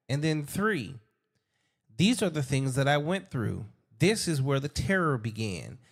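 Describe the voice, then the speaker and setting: Emphatic man hosting a call. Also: medium pitch. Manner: emphatic, repeats himself, speaks slowly to stress points. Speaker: host. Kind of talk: casual call conversation.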